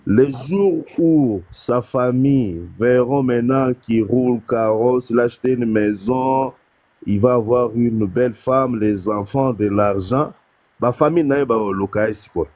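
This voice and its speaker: A man, from North Kivu, calling into a live stream and giving advice in a halting way, full of restarts and fillers. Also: medium pitch, no echo, highs cut off. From DR Congo, North Kivu. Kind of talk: casual call-in advice. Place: call from abroad.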